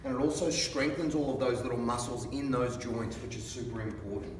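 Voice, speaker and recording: A man's voice: medium pitch, steady tone, brisk. Man coaching exercise, distant and echoey. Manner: encouraging. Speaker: fitness instructor. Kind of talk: instructional exercise demonstration with coaching cues. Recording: distant mic, reverberant hall, background noise.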